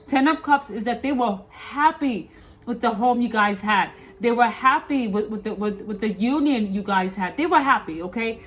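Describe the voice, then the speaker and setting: A woman with a higher voice, speaking at normal speed, gives a tarot reading to her viewers. Her clear dental aligners give her a slight lisp, and she is emphatic and repetitive, often checking in with her audience.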